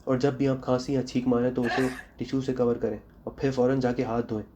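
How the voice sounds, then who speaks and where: Young man, from Pakistan, comedy vlogger, sarcastic, quick delivery, dark mellow tone. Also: medium pitch, level tone, slight background noise. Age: young adult. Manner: sarcastic rapid-fire jokes. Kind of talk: comic monologue then public health advice.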